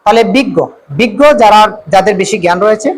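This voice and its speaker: A high-voiced man teaching a class repeats exam questions one by one, reads off the multiple-choice options, and then announces the correct answer. His drawn-out "uh" fillers are frequent, and the audio is poor.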